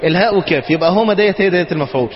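An Egyptian man with a high voice leads a grammar lesson, coaxing his students along and checking again and again that they follow. He is recorded in a reverberant hall. The sound is dull, with faint background noise. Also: racing. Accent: Egyptian Arabic. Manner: checks often with the class, coaxing. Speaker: Arabic grammar teacher. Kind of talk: classroom lesson. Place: mosque teaching hall.

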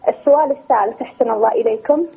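A woman's voice: on the high side, husky. A woman from Kuwait calling in, politely rattling through her questions. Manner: polite, rushed list of questions. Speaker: caller. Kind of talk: phoned-in question. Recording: tinny phone line.

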